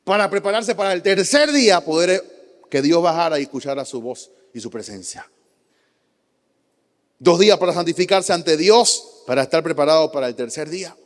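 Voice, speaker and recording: A man's voice: fairly high pitch, animated, normal speed. A man, a pastor with a Panamanian Spanish accent, preaching a sermon with rhetorical questions, emphatic repetition and acted-out quotes of churchgoers. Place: church sanctuary. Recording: long church hall reverb.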